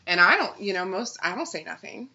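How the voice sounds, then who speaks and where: Young woman, casual chat, lively swinging pitch, bright voice, laughs a lot, dull lo-fi. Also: brisk. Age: 20s. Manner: animated, laughs a lot, says "like" often.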